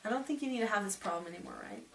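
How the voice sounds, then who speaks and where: A middle-aged woman speaks in a calm, gentle, reassuring way as a parenting teacher. Her voice sits at an ordinary pitch for a woman. The recording is taken from a distance, with a faint hiss behind it. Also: very fast.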